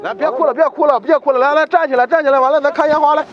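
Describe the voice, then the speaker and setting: Brief: high, quick-talking man pranking outdoors at night, teasing, stammery, loud music under him. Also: steady tone, muffled recording, crowd noise. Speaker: prank video host. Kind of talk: casual prank talk.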